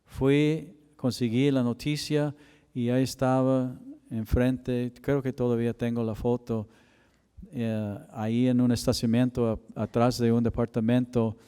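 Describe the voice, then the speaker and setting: In a church chapel with long hall reverb, a male pastor preaches and tells a personal story with emotion. His mid-range voice is warm, clear and resonant, with little pitch movement, and he speaks slowly and deliberately.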